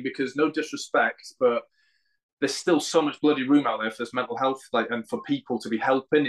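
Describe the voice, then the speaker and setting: A man's voice: medium pitch, rough recording. A British man speaking as an interview guest in a casual, colloquial and earnest way. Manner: earnest, plain-spoken, colloquial. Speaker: podcast guest, founder of a men's mental health group.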